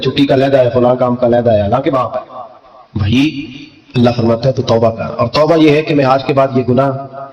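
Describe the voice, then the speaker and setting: A man preaching a sermon, impassioned and emphatic, climbing to high fervent peaks. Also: darkish tone, highs cut off. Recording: echoey hall with long reverb.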